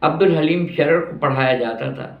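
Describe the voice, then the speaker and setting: An older Pakistani man, a vlogger with a slightly high voice, reminisces about his city in a slow, nostalgic monologue. He's reflective, repeats phrases for emphasis, and grows indignant about prices; the sound is roomy, dull, and lo-fi.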